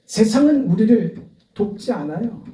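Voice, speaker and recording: Give me a rich sermon: a man preaching with passion, his high voice mellow and soft-edged. He builds to loud, pleading appeals. He is recorded from across an echoey church. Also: sing-song, normal speed, far from the mic. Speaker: pastor. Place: church sanctuary.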